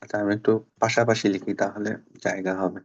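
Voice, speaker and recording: A man teaching a Bangla class online. He is patient and repeats words slowly to drill pronunciation. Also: on the low side, little pitch movement, lo-fi sound.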